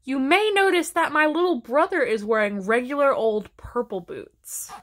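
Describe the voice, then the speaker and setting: A woman voicing a bossy, excitable little girl in a storybook read-aloud. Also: sits high, normal speed, natural voice. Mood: gloating.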